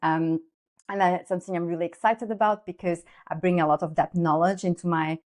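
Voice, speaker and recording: A woman in her thirties speaks English with a Portuguese accent, her voice sitting a little low for a woman. She explains things earnestly and at length, with the odd filler and restart, as a podcast guest. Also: steady tone, fairly quick, a little mellow. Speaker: guest, lifestyle coach. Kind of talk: podcast interview.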